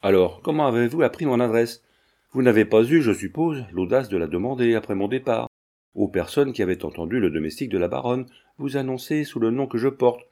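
A man's voice: mid-range voice, animated, brisk, mellow. A man reading the part of a proud young marquise, reproachful and indignant, in an audiobook. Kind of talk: audiobook character voice.

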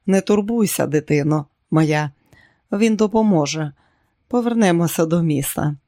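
A gentle middle-aged monk with a quiet, kindly voice, as a male narrator plays him. The tone sits a little high and calm. The reading is dry and close. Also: unhurried, dry recording. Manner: quiet and kind.

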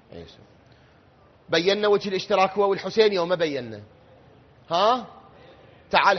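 A man with an Iraqi Arabic accent preaching a mourning sermon from the pulpit, moving between low quiet talk and loud, shouted, drawn-out lines. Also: slightly rough. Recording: dull sound, long hall reverb.

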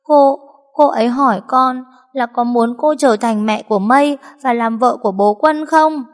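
A woman's voice: moderate pace, lightly acted. A woman voicing a frightened, tearful little girl in a reverberant recording. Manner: high pleading child voice. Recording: long reverb.

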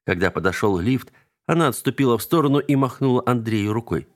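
Brief: male storybook narrator, steady, plain delivery. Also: mid-range voice, a little fast. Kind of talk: audiobook narration.

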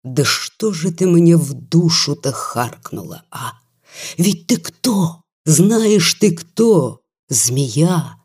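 A reader voicing a drunk, despairing male country doctor who slurs and swings between self-pity and shouting, slow and husky. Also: medium pitch, expressive, exaggerated voice.

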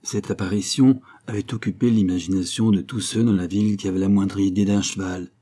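Low, husky male audiobook narrator. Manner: steady, measured literary reading. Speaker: audiobook reader. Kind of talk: scripted narration.

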